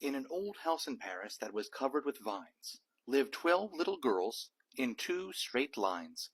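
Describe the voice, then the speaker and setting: A man reading a children's picture book aloud as a dad would, in measured, rhythmic rhyme. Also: medium pitch, sing-song, breathy edge. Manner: measured, rhythmic rhyming delivery. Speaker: read-aloud storyteller, a dad.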